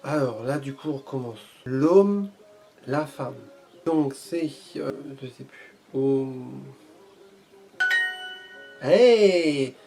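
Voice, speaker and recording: A man's voice: mid-range voice, lively intonation, extremely slow, pauses often, mellow, soft background music. A man chatting casually in a vlog while learning Portuguese, playful and jokingly boastful, repeating foreign phrases as he tries them out.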